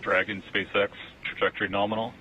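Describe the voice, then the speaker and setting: A man's voice: fairly low pitch, brisk, highs cut off, slight background noise. A man making terse, clipped call-outs as a mission control radio caller, heard over a distant radio transmission. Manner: clipped, even, procedural.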